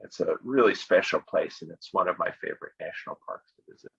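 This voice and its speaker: Low-pitched and talking fast, a middle-aged American man gives a relaxed, friendly travel-spots presentation to an online English conversation club through a video call. His speech is clear, sprinkled with fillers and laughs, and the dull lo-fi audio carries no room sound.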